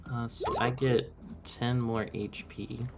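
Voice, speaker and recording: A man's voice: mid-range voice, flat delivery, slow pace, creaky, very noisy. Jokey male tabletop player. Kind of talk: casual tabletop play.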